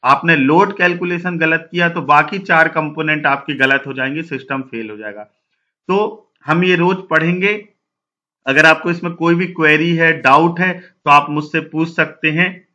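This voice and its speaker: A man teaches a technical lesson in a steady, explanatory way, walking through worked examples one step at a time. His voice sits a little high and comes across very bright and sharp. The recording is somewhat dull and lo-fi. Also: normal speed. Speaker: solar instructor and channel host.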